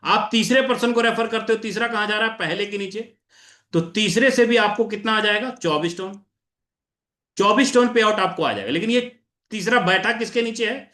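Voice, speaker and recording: A man's voice: high-pitched, normal speed, sharp tone, echoey room. A man presenting an income plan over a screen share, repeating himself and answering his own questions while calling listeners sir.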